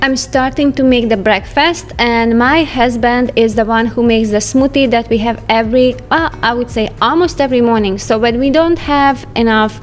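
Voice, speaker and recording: Chatty woman vlogger with a higher voice. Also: normal speed, few pauses. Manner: chatty, light laughs, non-native phrasing. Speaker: home vlogger. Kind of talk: casual voice-over narration. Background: soft background music.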